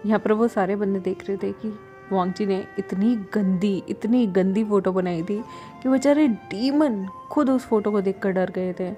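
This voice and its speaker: A woman storyteller narrating a fan story in a relaxed, chatty way, dropping in conversational asides. Her voice is mellow and soft-edged at an ordinary pitch. Faint instrumental music plays underneath. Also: moderate pace.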